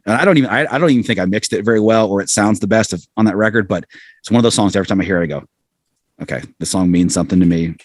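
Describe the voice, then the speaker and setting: This middle-aged American musician, a band frontman and interview guest, rambles casually with self-deprecating remarks. He speaks very fast in a lowish voice, and the recording has no echo.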